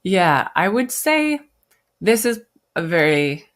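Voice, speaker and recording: An American woman who founded a brand tells her story in a casual interview, her voice on the low side, sing-song, and slow. She's chatty and acts out the voices of the people she quotes.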